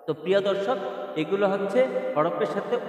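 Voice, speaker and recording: A man with a high voice teaches Quran reading, chanting each letter sound and asking questions that he answers himself. He sounds far from the mic in a big, echoing hall with a long reverb tail. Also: a little fast, faint music behind.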